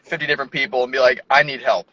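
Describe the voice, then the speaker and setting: Talking rapid-fire with fairly even intonation, a mid-range-voiced man appears as a chatty guest, leaning heavily on "like." The dry, dull lo-fi audio comes from a parked car, with crowd noise audible.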